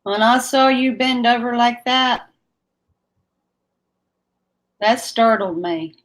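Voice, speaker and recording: A woman's voice: fairly high pitch, measured pace. Woman chatting casually, R's and W's blurred. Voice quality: R and W sounds run together. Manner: folksy, friendly, responding to viewers by name. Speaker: livestream host chatting with viewers. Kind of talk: casual livestream chat.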